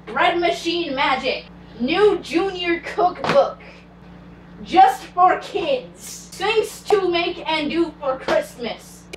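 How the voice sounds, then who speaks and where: A woman playing a hot-tempered, foul-mouthed young Italian man in an amateur cosplay comedy skit, snapping in loud outbursts, filmed by a far camera in a home kitchen. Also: very high-pitched, lively intonation, slow, reverberant, a little hiss or hum, heavily acted. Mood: grumpy. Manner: swears and snaps in loud outbursts.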